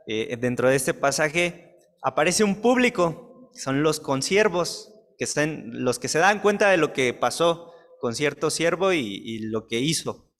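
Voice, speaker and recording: A man's voice: fairly high pitch, a bit bright. Mexican man preaching in an echoey hall. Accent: Mexican Spanish. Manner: reads scripture then explains it plainly, with many fillers. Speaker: pastor. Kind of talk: sermon. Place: church.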